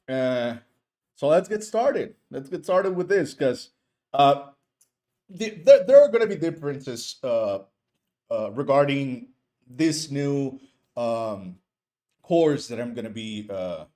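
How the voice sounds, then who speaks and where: Here the Spanish-speaking streamer and instructor has a mid-range, darkish-toned voice. He leads a relaxed live teaching session hesitantly, stumbling through fillers and restarts while tossing in friendly remarks.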